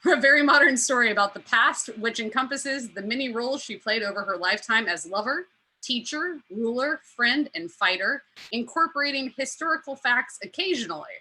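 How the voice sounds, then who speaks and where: A woman hosting a casual panel discussion, chatty and quick with frequent fillers. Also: fairly high pitch, lively intonation, pushed and bright, poor audio. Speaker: host.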